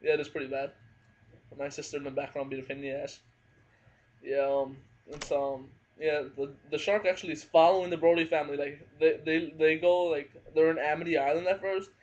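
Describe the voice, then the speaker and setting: A man's voice: on the high side, fairly even intonation, a little fast, a little mellow. A man giving a casual spoken movie review at home, hesitant and full of fillers. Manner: hesitant, frequent fillers and hedging. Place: at home, family nearby. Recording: dull lo-fi home recording.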